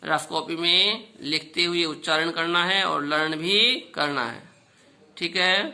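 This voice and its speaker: A man teaching a school Sanskrit lesson to children, talking slowly and patiently, often checking in with the class and sounding out each word for them to repeat. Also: fairly high pitch, fairly even intonation, bright, forceful tone. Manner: pronounces words slowly for students to repeat.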